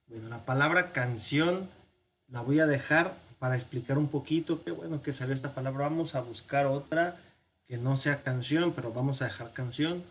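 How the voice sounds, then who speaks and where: A man with a Mexican Spanish accent teaching a language lesson, slow and patient, thinking aloud with pauses. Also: mid-range voice, a bit bright, slight background noise. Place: parish classroom or home office.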